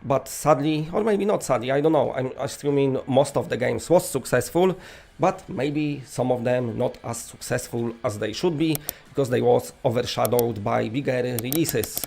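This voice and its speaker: A man's voice: medium pitch, normal speed, vocal fry, darkish tone. A man with a Polish accent presenting an award in a casual, rambling, tongue-in-cheek way.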